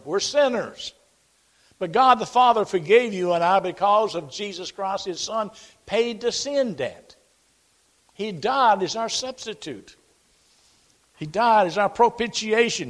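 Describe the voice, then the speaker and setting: A man in his forties preaching an earnest, folksy sermon, quoting scripture and telling plain stories. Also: high voice. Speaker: pastor.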